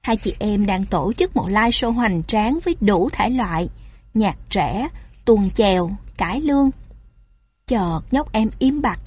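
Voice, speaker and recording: A woman's voice: medium pitch, animated, unhurried, a little mellow, husky, no room sound. A young woman narrating a playful first-person story.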